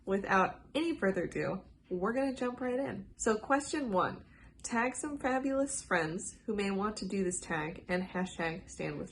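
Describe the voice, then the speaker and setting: A woman with a medium-pitched voice makes a casual book tag video, with slight background noise. She's chatty, enthusiastic and full of filler words, and sounds a bit congested and under the weather from a cold.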